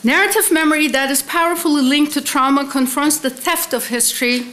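A literary scholar giving a keynote at an academic conference, a woman with a high, fairly bright voice, reads mostly from a prepared text. She sits at a desk with a laptop in an indoor conference hall, speaking into a desk microphone on a stand. The recording is rough, with a little hiss or hum.

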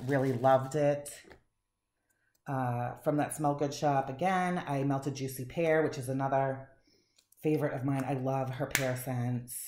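A woman with an extremely low, slightly mellow voice rambles happily through a wax melt review, fillers and all. The casual talk was captured in an echoey space with some faint noise.

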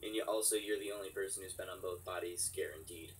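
A man's voice: sits low, steady tone, fast, recorded from a distance, background noise. A man talking casually as a player in an online game, giving a rambling account and correcting himself as he goes.

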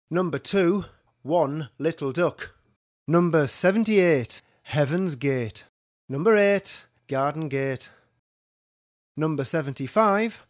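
A man's voice: fairly high pitch, no room sound, studio quality. A man working as a bingo caller, announcing numbers and their rhyming nicknames in a set sing-song pattern.

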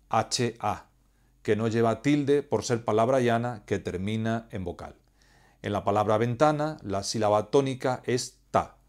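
A man teaching Spanish grammar, explaining rules in a measured, clear, didactic way. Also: medium pitch. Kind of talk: scripted educational explanation.

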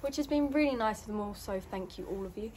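A medium-pitched, somewhat dark voice belongs to a young equestrian vlogger who talks fast, with slight noise behind her. She chats upbeat and rambles while filming on a phone at arm's length, around a stable yard outdoors and in a horse lorry.

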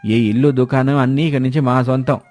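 A man's voice: mid-range voice, steady tone, fairly quick, a little mellow, lightly acted. Man playing an angry scolding villager, storybook tale, faint music behind. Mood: demanding. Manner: scolding, demanding. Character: angry village man demanding money back.

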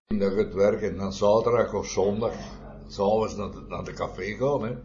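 Older man, lowish voice, rambling oral history, tag questions, muffled recording. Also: steady tone, moderate pace, darkish tone. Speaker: former miner interviewee. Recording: muffled with faint noise.

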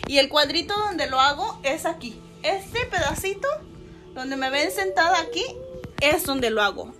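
Upbeat woman with a Mexican Spanish accent. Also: high voice. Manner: chatty, upbeat, motivational. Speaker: fitness vlogger. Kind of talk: casual chat to camera. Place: small bedroom indoors. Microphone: phone camera close up.

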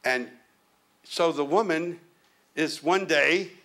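A man's voice: fairly high pitch, slow, fairly bright tone. A male pastor preaching a humorous, storytelling sermon.

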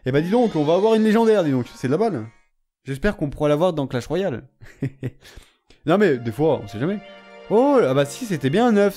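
A young man commentating a video game, excitable and slangy, taunting the enemies he fights. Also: on the high side. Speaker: gamer. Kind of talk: let's play commentary.

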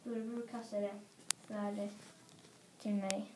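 A woman reading a children's story aloud in an expressive, playful way. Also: medium pitch, slight background noise. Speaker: storybook reader. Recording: roomy echo.

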